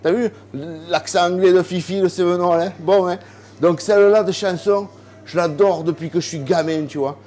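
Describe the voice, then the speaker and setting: Man, higher pitched, chatty, home kitchen cooking vlog, talks to the viewer. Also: steady tone, moderate pace, a little mellow. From southern France. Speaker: cooking video host.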